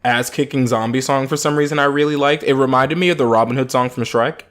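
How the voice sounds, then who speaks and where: A man co-hosting a casual film podcast, retelling scenes in an animated way, acting out his own reactions and swearing. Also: mid-range voice, quick pace. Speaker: podcast co-host. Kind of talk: casual film review chat.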